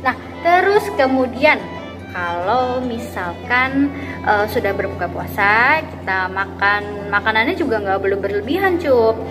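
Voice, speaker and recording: A woman with a fairly high voice plays teacher in a children's puppet show. She explains simply, repeating phrases and questions, with faint music behind her. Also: expressive, unhurried. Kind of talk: educational storytelling dialogue for children.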